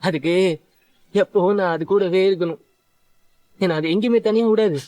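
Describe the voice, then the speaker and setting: A man's voice: sits high, moderate pace, dark tone, no room sound, close to an everyday voice. A young man voicing a grateful former prisoner speaking earnestly in a dubbed serial, close and dry. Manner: earnest, emotional confession.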